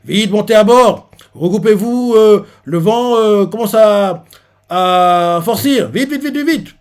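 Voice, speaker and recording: A man doing a yelling ship officer. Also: high-pitched, takes it slowly, clear, resonant tone, voice pushed up. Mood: urgent. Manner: yelled repeated commands. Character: shouting male ship officer urging rowers.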